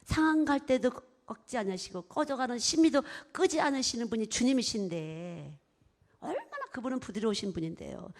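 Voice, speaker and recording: A woman preaching a sermon. She swings between soft whispers and loud, emphatic bursts, and acts out little exchanges as she talks. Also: fairly high pitch. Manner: expressive, acts out little exchanges in her talk.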